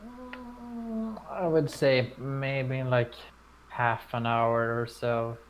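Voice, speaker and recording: A man's voice: mid-range voice, fairly even intonation, takes it slowly, muffled recording, slight background noise. A young man playing a tabletop game, chatting casually with loose phrasing. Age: young adult. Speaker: player. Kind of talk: casual chat.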